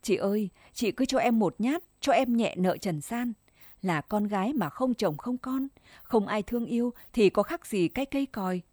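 A woman's voice: medium pitch, expressive, normal speed, a little mellow, dry recording, clean studio sound, natural voice. A woman doing a tearful, begging young woman. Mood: pleading. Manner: begging, humble, tearful pleading. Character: young unmarried village woman, pleading and tearful.

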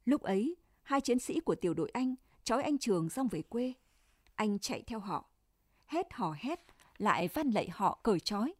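A woman narrating a story in a calm, steady reading voice. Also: on the high side, normal speed, dry recording, studio quality.

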